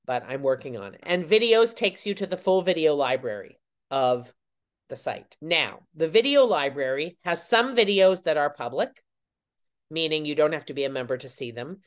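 An older woman, owner of the site, walking viewers through its menus in an unhurried, explanatory way, her phrases trailing off at the ends. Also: low voice, big pitch swings. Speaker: site owner giving a tour. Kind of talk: screen-recorded website walkthrough.

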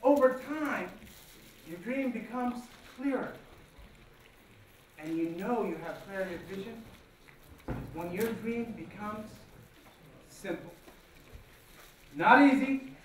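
Slow, high-voiced man orating in echoey hall. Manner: deliberate, rehearsed-sounding delivery in short measured phrases with dramatic pauses. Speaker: guest speaker at a speech competition. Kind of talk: formal motivational speech, public oratory. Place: large auditorium stage, indoors. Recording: very echoey hall, distant, faint noise.

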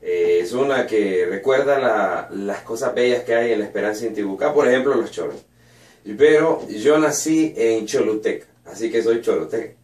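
Honduran man in his thirties, lively storyteller, roomy distant sound, studio guest. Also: on the low side, normal speed. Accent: Honduran Spanish. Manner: animated, laughs while telling anecdotes. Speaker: guest singer-songwriter. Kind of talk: storytelling interview answers. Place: small radio studio with red wall. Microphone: boom mic at a desk, headphones on. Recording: echoey room, voice picked up from afar.

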